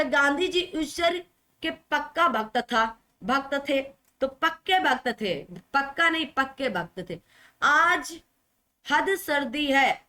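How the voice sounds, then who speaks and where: A woman with a high, bright voice teaching an online exam-prep lesson. She drills spellings by saying each word several times. She poses questions to the class and answers them herself. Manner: repeats words drilling correct spellings, asks and answers her own questions.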